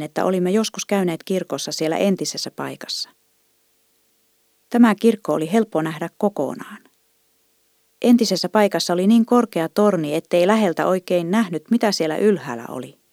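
Low-voiced woman reading a story. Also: expressive, a little mellow, no echo, studio quality. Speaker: narrator.

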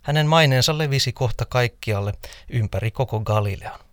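A man's voice: mid-range voice, no echo. Man reading scripture aloud, dry and close. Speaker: scripture reader.

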